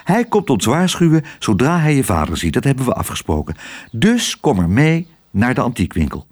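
A man's voice: medium pitch, big pitch swings, normal speed, darkish tone. A man voicing a clever, sly male crow in a children's audiobook. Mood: helpful.

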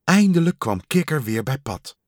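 A man reading a children's story aloud in a slow, expressive storybook manner. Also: medium pitch, dry recording, clean studio sound.

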